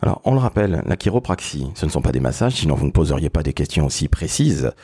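A man's voice: extremely low pitch, sing-song, quick pace, mellow, husky, no echo, clean studio sound. A man hosting a podcast, talking emphatically and introducing his guests with big words. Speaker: podcast host.

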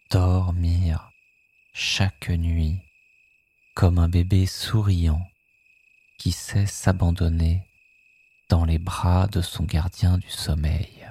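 Sleep hypnosis guide: hushed and soothing, dark mellow tone, slightly husky, extremely unhurried delivery. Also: deep voice. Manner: soothing, hushed, with phrases echoed softly.

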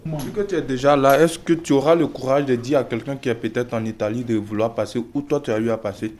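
A man's voice: medium pitch, steady tone, quick pace, darkish tone, a little hiss or hum. A man interviewing, asking plain, direct questions.

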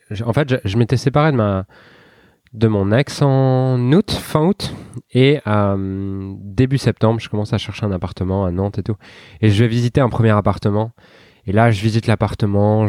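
A man's voice: on the low side, darkish tone, no echo, studio quality. A young man hosting a podcast, talking informally and directly to the listener, with loose restarts and fillers. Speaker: podcast host. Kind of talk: casual spoken podcast monologue.

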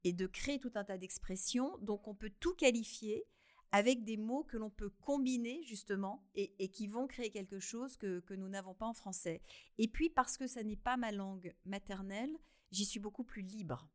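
Speaking in a mid-range voice, a guest author on a radio interview is lively and laughing, punctuating her talk with loud bursts of emphasis. She halts often and repeats words as she chats.

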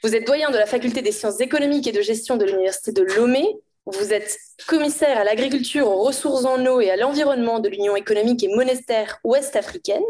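Slightly high-voiced woman moderating. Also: darkish tone. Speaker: conference moderator. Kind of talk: formal introduction of panelists.

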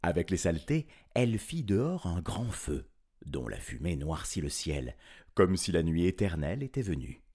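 A man telling a children's story in an animated, playful way, chuckling often. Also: low voice, normal speed, husky.

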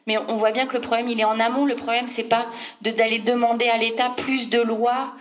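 A woman's voice: fairly high pitch, little pitch movement, brisk. A woman panel speaker explaining her views emphatically in an unscripted political discussion.

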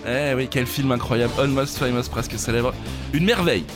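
A man's voice: medium pitch, moderate pace, music in the background. A man co-hosting a quiz podcast, laughing often and talking with enthusiasm about films. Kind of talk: casual joking chat.

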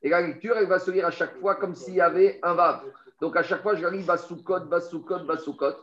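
A man's voice: high-pitched, fast, a bit bright. Man teaching Talmud in a roomy, dull recording. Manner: explains step by step, addresses the listener directly; repeats words while searching for phrasing. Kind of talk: Talmud study lesson.

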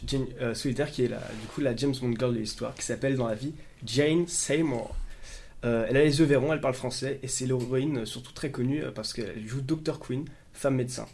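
Male co-host, rapid talker, mid-pitched, eager and teasing in casual banter. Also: slightly rough. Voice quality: excitable, teasing manner. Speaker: podcast co-host. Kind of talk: casual film podcast chat.

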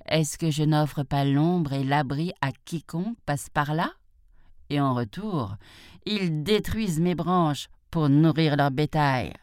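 A woman's voice: low voice, takes it slowly, darkish tone, clear, resonant tone, no echo, studio quality. A woman voicing a talking pipal tree that coldly scolds a man for complaining. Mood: scolding. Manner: cold, scolding.

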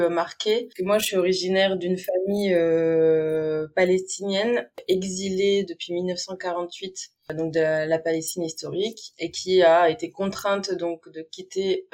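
A woman from Syria, a guest on an interview podcast, who speaks reflectively and pauses often with fillers. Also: lowish voice. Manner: reflective, with frequent hesitations and fillers. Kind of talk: conversational interview.

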